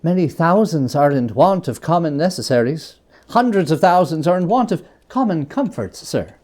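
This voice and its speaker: A reader puts on a portly charity gentleman from a storybook. He speaks in a raised, lively pitch, with formal courtesy and a polite hesitance. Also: moderate pace, natural voice. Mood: earnest appeal.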